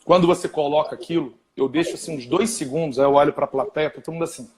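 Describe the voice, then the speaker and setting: Doctor on a video call, lively storyteller, kinda higher voice. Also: male voice, fast. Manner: animated, storytelling, agreeable. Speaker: physician and lecturer. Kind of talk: live-stream health conversation.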